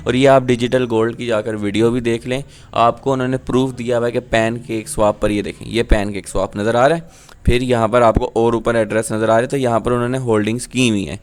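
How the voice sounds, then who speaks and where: Man with a smooth, clear voice, explaining. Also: medium pitch, little pitch movement, brisk. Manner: casual, explanatory, repeats "ठीक है". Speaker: crypto YouTuber. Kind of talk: screen-share explainer.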